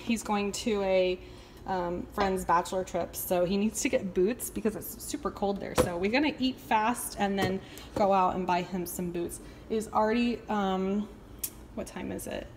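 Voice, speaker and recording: A woman's voice: medium pitch, steady tone, normal speed. A young woman chatting casually as she cooks dinner in her home kitchen, with lots of fillers while she thinks aloud. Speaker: cooking vlogger. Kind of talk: casual cook-along narration. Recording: loud kitchen noise behind.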